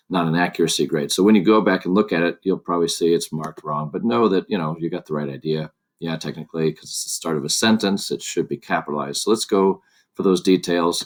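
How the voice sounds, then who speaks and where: A man teaching a Spanish lesson over a screen recording, patiently explaining each step and repeating points as he goes. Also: low-pitched. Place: at a desk with a laptop. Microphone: computer mic on a laptop.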